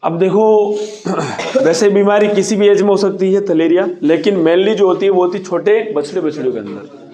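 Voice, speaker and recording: A male teacher with a slightly high voice lectures a class. He dictates notes line by line, repeats himself, and keeps asking the students questions. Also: normal speed, dark tone.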